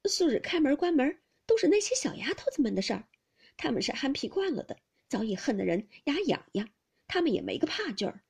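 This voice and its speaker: Woman reading a gentle young maid, soft and placating, breathy high voice, lively tune. Storybook. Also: brisk, heavily acted.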